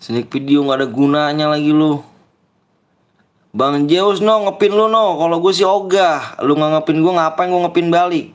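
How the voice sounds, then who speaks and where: Streaming a game, this young man ribs his audience in a casual, playful way and often imitates the pleas they send him, all in a Betawi Jakarta accent. His voice runs on the high side, with fairly even intonation and normal speed.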